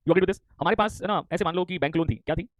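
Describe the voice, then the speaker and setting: A man's voice: sits high, no echo. A man teaching a live online class, teasing students and reading their chat replies aloud while repeating his questions. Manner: repeats questions rapidly, pressing for answers. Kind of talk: live online commerce lecture in Hinglish.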